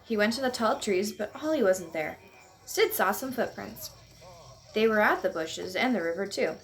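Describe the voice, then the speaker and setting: A woman reading a children's picture book aloud at home, in a gentle, lively read-aloud voice. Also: medium pitch, moderate pace, soft background music. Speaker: storyteller. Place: at home on a couch.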